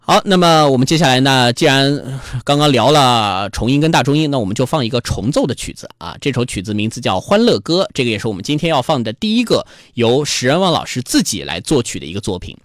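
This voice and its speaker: A man's voice: mid-range voice, very animated, fast, hardly any pauses, no echo, studio quality. A man hosting a live-streamed music talk show, explaining in a chatty way with fillers and restarts. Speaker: host.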